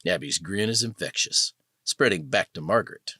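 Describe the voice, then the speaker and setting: A man narrating an audio drama with dramatic, expressive storytelling. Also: fairly low pitch, normal speed, breathy edge, no room sound, clean studio sound. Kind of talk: scripted narration.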